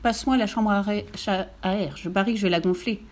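A woman's voice: medium pitch, fast, natural voice. A woman voicing a proud, self-assured male horse in a children's storybook. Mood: boastful. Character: proud well-dressed male blue horse. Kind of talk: storybook reading.

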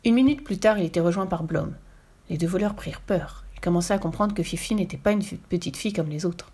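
A woman reading a children's story aloud with lively, expressive storytelling. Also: on the low side, fast talker, husky.

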